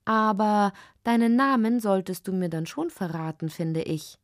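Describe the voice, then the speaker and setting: Woman as smart-mouthed hedgehog, teasing, slow and dry. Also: medium pitch, no room sound, lightly acted. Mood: friendly. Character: cheeky snappish male hedgehog.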